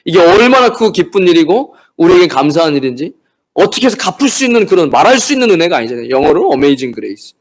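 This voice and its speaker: A man's voice: on the high side, quick pace. A man preaching a midweek church sermon, talking to the congregation and acting out the words of disciples and churchgoers. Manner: animated, acts out quoted voices of disciples and churchgoers. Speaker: pastor.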